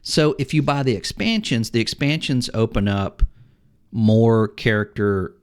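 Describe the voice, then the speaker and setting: A middle-aged man co-hosting a casual podcast about video games. He tells long, rambling stories and jumps into lively acted-out quotes of other players. His voice sits at an ordinary middle pitch. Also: unhurried, smooth. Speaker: podcast co-host.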